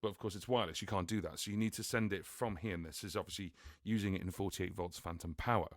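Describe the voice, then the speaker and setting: A man's voice: low-pitched, quick pace, dry recording. A British man, a musician, chatting casually as he explains and tests audio gear, leaning on fillers like "obviously". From United Kingdom. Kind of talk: casual gear review and demo. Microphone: studio microphone.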